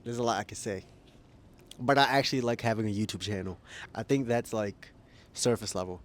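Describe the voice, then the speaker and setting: A YouTuber with a lowish voice talks fairly quickly in a casual opinion vlog, rambling, thinking aloud, correcting himself, and chuckling often.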